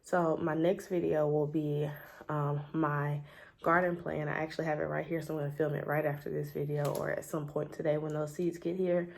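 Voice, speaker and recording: Sitting at her table at home, a homestead gardening vlogger chats casually through a show-and-tell of her things, saying um often. Her deep voice has little pitch movement, a moderate pace, and vocal fry, and it sounds stuffy and scratchy from a cold.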